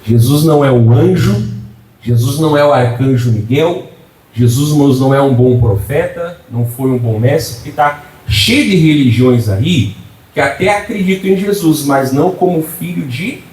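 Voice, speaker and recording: A man's voice: mid-range voice, animated, normal speed, darkish tone. A male pastor preaching to a congregation, firing rhetorical questions, asking for "amém" and joking with the listeners. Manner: jokey asides to the congregation. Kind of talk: preaching a sermon. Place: church before a congregation. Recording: roomy hall, mic at a distance.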